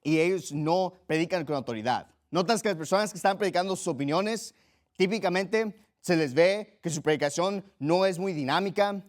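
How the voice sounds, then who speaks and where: A man preaching a sermon in an earnest, emphatic way, repeating his key phrases. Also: high voice. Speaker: pastor.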